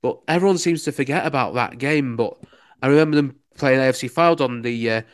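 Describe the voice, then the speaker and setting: A young Lancashire man who works as a local radio sports reporter gives casual, enthusiastic interview answers, peppered with "you know." His voice is medium-pitched, brisk and clean.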